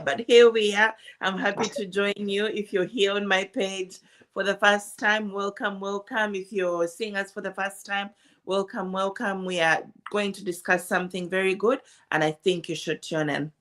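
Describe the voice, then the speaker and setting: A woman's voice: medium pitch, steady tone, normal speed, fairly bright tone. A woman from Uganda joining a livestream as co-host, cheerful and welcoming. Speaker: guest co-host. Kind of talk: livestream talk.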